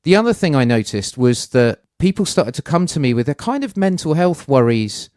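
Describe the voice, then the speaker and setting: A man's voice: a little high, sing-song, normal speed, a little mellow, dry recording. Man, middle-aged, reflective podcast host, conversational, dry close sound. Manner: thoughtful, conversational, with hedging asides. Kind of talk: reflective personal podcast monologue.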